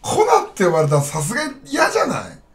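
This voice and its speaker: A man's voice: very high voice, huge pitch swings, quick pace. A man chatting casually on a live stream, rambling bluntly and talking straight to his viewers.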